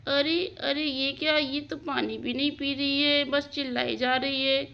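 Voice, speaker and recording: A woman's voice: sits high, steady tone, measured pace, gravelly, pushed and bright, voice pushed up, heavily acted. A woman voicing a caring village mother in a doll story, soothing and given to worried exclamations. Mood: busy. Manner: soothing, fussing, exclaims often.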